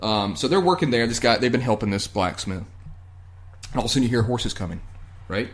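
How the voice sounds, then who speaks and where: A male podcast host talks through an episode recap in a relaxed, chatty way. His speech is loose and profane, padded with ums and uhs. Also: medium pitch, a little fast. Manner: loose and profane, many fillers. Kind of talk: casual chat, recapping a TV episode.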